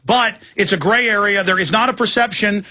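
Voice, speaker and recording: A man's voice: sits high, fairly quick, noisy background. A man hosting a live radio show, giving a caller urgent, insistent advice and often stammering over repeated words into a studio microphone. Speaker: radio host.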